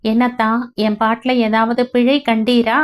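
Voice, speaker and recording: A woman's voice: fairly high pitch, steady tone, normal speed, lightly acted. A woman reading the part of a playful young wife who teases her husband, voice raised above her narration. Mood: teasing. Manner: teasing, affectionate.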